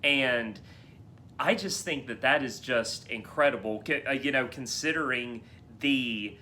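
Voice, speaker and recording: A man co-hosting a casual podcast about a film, talking in long, animated runs full of restarts. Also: mid-range voice, unhurried, a little hiss or hum. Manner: animated, rambling with many restarts. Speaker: podcast co-host. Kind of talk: casual film discussion chat.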